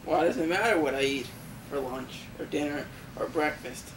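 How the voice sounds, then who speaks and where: A man answers questions with dry, blunt replies. His voice sits slightly high and carries an echoey ring. Loud noise sits behind him. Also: normal speed. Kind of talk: casual banter.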